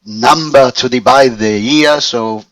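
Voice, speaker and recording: A Spanish man in his fifties, a learner of English, speaking in halting phrases with many restarts as he searches for words. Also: mid-range voice, a bit bright, dry recording, recorded from a distance, poor audio. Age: 50s. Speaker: language student. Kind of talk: conversational English lesson.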